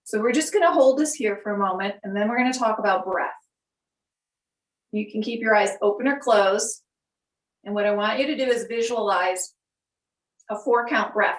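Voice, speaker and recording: A woman yoga instructor talks students through poses with calm, step-by-step cues. Her voice sits a little high and carries some distance from the mic. The room around her is echoey.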